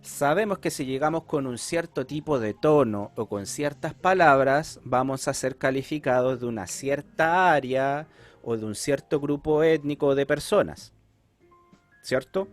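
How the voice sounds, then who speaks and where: A man's voice: mid-range voice, normal speed, soft background music. A man with a Chilean accent teaching an online class, explaining patiently and checking in often with his students.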